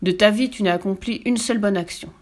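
A woman's voice: mid-range voice, quick pace, close to an everyday voice. A woman voicing a big male elephant who angrily scolds the crocodile. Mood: outraged. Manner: loud, outraged.

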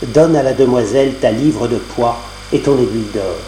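A man voicing a wise male flying horse, brisk and instructive, on a roomy cassette recording with a faint hum. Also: medium pitch, dark tone, pitched below the performer's own voice, close to an everyday voice. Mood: instructing.

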